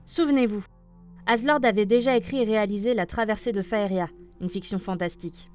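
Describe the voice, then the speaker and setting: Over light music, a woman presents scripted podcast news, speaking to listeners in an announcer's style. Her voice sits in the mid-range and moves fairly quickly.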